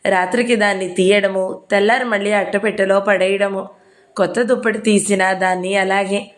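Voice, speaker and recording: Lady reading a novel out loud, steady storytelling, mid pitch. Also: normal speed. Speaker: audiobook narrator. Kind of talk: reading a novel aloud, voicing dialogue.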